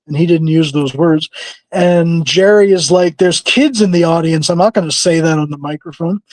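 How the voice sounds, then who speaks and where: Animated man telling a story, dry sound. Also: a little high, moderate pace, no echo, poor audio. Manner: animated storyteller who acts out quoted people, laughs often. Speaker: podcast co-host. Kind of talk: casual storytelling chat.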